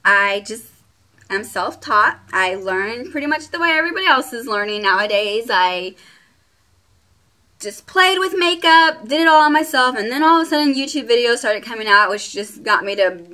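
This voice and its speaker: A beauty vlogger in her late twenties, born in Puerto Rico and raised in Texas, chats casually to the camera at home for a get-to-know-me video. Her voice is a little high, animated and sharp, at a moderate pace, and she rambles with plenty of fillers.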